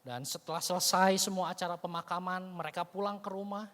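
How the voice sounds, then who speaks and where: This man's voice sits high and stays steady, brisk and a bit bright, as he preaches to a church sanctuary. An evangelist, he retells a story with drama and a conversational ease, peppering it with "you know" and similar casual tags, all under a long church-hall echo.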